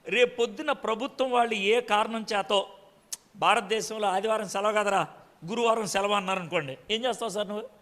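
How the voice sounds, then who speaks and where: A man's voice: high-pitched, fairly quick, fairly bright tone. A male pastor preaching a sermon, constantly firing rhetorical questions at the congregation and scolding them. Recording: long hall reverb.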